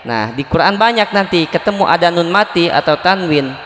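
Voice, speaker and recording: A man's voice: high voice, lively intonation, moderate pace, fairly bright tone. A man teaching Quran recitation to a neighborhood study group, explaining patiently and asking the class questions. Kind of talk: religious lesson. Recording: echoey hall with faint music.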